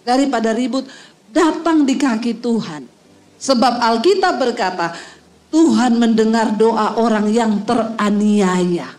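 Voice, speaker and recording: A woman's voice: a little high, a little slow, a little mellow. A middle-aged woman pastor preaching a storytelling sermon, talking straight to the congregation and acting out the voices of the people in her story. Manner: addresses the congregation directly as saudara and ibu-ibu.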